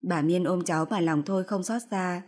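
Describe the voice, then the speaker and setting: A woman narrating a story in first person with a steady, expressive reading. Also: fairly low pitch, moderate pace.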